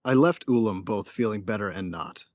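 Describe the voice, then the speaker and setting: In a sci-fi audio drama, a man plays a young bounty hunter narrating his own story in the first person with a wry, laid-back cockiness. His lightly acted voice is fairly low and darkish, at normal speed.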